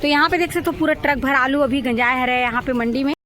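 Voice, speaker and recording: A woman's voice: high-pitched, fast talker. A woman with a Chhattisgarhi accent giving vlog commentary, repeatedly pointing things out to her viewers as host. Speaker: vlog host touring a market. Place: outdoor wholesale vegetable market. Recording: busy outdoor market crowd, vehicle noise.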